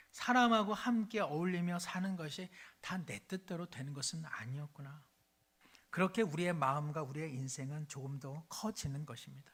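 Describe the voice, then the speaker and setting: A pastor preaching a sermon in a church sanctuary. He tells everyday stories in a lively way and acts out each character as he goes. The pace and loudness rise and fall with the story. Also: on the high side.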